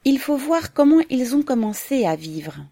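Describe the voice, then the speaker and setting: A woman's voice: high-pitched, sing-song, a little slow, mellow, pitched above the performer's own voice, heavily acted. A woman voicing a cheerful young man. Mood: friendly.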